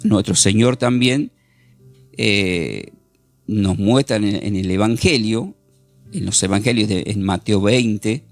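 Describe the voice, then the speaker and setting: A man's voice: on the low side, slow pace, soft background music. A man teaching a Bible class, earnestly reading scripture aloud with emphasis.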